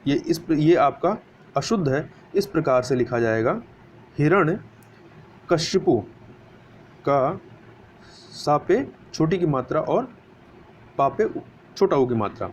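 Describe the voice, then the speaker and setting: A man's voice: fairly high pitch, a little mellow. Man teaching spelling, dull lo-fi sound. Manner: explains step by step, asks and answers his own questions. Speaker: Hindi grammar teacher. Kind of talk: exam-prep spelling lesson. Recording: dull lo-fi recording with faint hiss.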